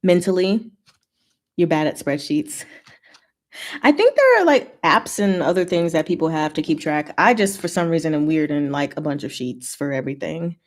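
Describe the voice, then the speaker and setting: A woman with a low-sitting voice and lively intonation hosts a livestream at a moderate pace. She chats casually and giggles as she reads viewer comments aloud and answers them.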